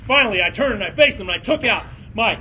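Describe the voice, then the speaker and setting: Man, storyteller, dramatic campfire story, hushed to shouting, noisy outdoor recording. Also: high-pitched, animated, quick pace. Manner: theatrical, swinging from hushed to shouting.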